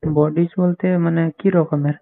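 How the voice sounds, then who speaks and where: A man's voice: a little high, flat delivery, unhurried, creaky. A man in a casual, private chat over the telephone, in a tinny call recording.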